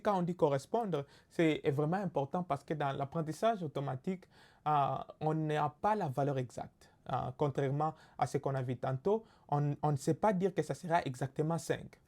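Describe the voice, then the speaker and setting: A man's voice: fairly high pitch, normal speed, a little mellow. A man with a Congolese French accent giving a recorded lesson, explaining step by step with frequent fillers and checks for understanding. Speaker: teacher. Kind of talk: recorded lecture.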